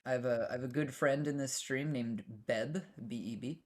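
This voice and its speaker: A man's voice: medium pitch, normal speed, darkish tone. A young American man streaming a game, rambling casually and answering his chat with many restarts. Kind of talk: casual live-stream chat while gaming.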